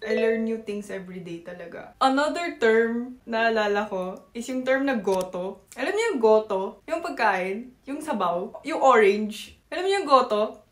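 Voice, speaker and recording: Young filipina vlogger, high voice, jokey and animated, echoey room w faint music. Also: female voice, normal speed. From Batangas, Philippines. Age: young adult. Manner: playful, animated, teasing. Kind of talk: casual chat to camera.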